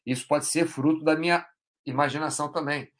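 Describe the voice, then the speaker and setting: A man's voice: fairly high pitch, steady tone, brisk. Man explaining things on a live stream. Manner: rambling and explanatory, with frequent "né?" and "tá?" tags.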